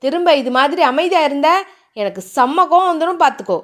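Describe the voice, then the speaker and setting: A woman voicing a hot-tempered young man who shouts fast and angrily, in a romance audiobook. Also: high voice, lively intonation. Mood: angry. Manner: angry, fast, loud.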